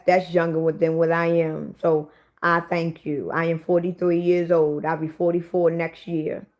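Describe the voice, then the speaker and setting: A woman in her forties chatting live with her viewers, bluntly and profanely talking back to commenters. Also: fairly low pitch. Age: 40s. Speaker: livestream host. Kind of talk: casual livestream chat with viewers.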